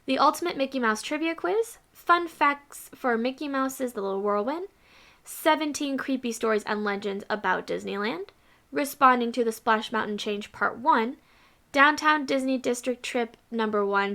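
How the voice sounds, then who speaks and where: With a fairly high, pushed and bright voice, a woman hosting her own channel chats casually, rambling through a list of her past videos with asides along the way.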